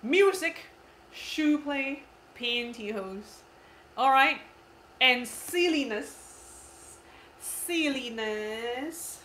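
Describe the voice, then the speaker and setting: Very slow and lively in intonation, this high, slightly bright female voice belongs to a Cantonese-native woman in her thirties on a casual live stream. She giggles, repeats herself and reads comments out; the echoey recording carries a faint hiss or hum.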